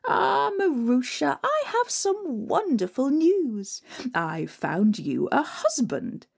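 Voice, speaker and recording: A scheming fairy-tale stepmother, put on by a woman storyteller, gushing and shrill in a high voice. Her sweetness is false, and her tone swoops up and down. A gravelly, breathy grain runs through it. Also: sing-song, slow, heavily acted.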